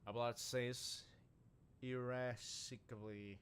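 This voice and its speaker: A man's voice: medium pitch, level tone, slow pace, slight background noise. A man streaming, reading out a video game's narration in a casual, musing way. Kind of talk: reading a video game aloud.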